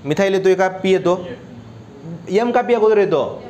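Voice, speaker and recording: A man's voice: high-pitched, lively intonation, a little mellow. A male chemistry teacher giving a classroom lecture, constantly firing questions at his students and urging them to answer aloud. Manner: keeps quizzing students with quick questions.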